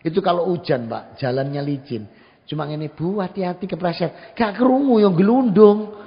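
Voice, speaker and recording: A man with an East Javanese accent preaching a sermon in a mosque, folksy and lively, acting out what people say. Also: high voice, moderate pace, gravelly. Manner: lively, folksy, acts out quoted speech, mixes in Javanese. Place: mosque hall. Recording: dull lo-fi sound, long hall reverb.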